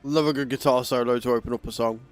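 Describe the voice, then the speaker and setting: A man streaming a game and chatting to his viewers in an easy, rambling way, his voice sitting at an ordinary middle pitch. A cough and a rough throat catch him every so often, and soft music plays faintly behind him. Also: fairly even intonation, quick pace. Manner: chatty, thinks aloud about plans. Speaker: livestream gaming host. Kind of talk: casual gameplay commentary.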